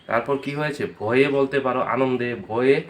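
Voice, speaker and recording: A man's voice: medium pitch, fairly even intonation, normal speed, a little hiss or hum. A man from Tripura in India, chatting casually in a vlog and telling stories about the people who helped him. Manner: chatty, storytelling, thanks supporters by name. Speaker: vlogger.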